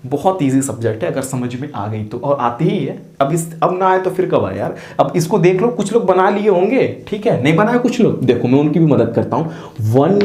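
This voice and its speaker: A man's voice: on the high side, dark tone. A man teaching chemistry in a chatty, playful way, asking his students questions and answering for them in their voice. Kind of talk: chatty classroom explanation. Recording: roomy echo.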